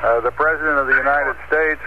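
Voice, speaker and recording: A man working as mission control radio operator, speaking over a crackly two-way radio link in crisp radio protocol and signing off with "over". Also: medium pitch, fairly even intonation, fast. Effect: crackly two-way radio transmission. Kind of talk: live mission radio exchange. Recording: noisy, lo-fi archival radio audio.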